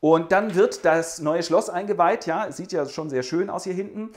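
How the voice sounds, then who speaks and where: A man's voice: sits high, moderate pace, darkish tone. A man hosting, chattily and ironically retelling a classic play in a colloquial way. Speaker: host, literature explainer.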